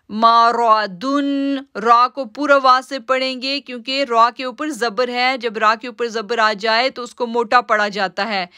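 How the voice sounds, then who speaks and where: High, bright-voiced woman teaching recitation. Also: no room sound, clean studio sound. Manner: patient, step-by-step explaining, drawn-out slow recitation of words. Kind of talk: live-streamed tajweed lesson.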